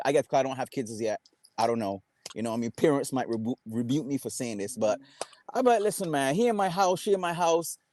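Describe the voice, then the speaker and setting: A man's voice: a little high, a little mellow, no room sound. Barbadian man with a dry, close sound. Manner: rambling, many fillers and restarts. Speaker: panelist. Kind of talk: casual panel chat.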